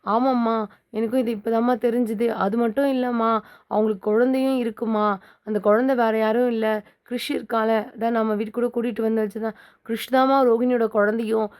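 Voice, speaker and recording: A woman's voice: a little high, level tone, fairly quick, darkish tone, natural voice. A woman voicing a tearful young wife who speaks in sad, distressed pleading.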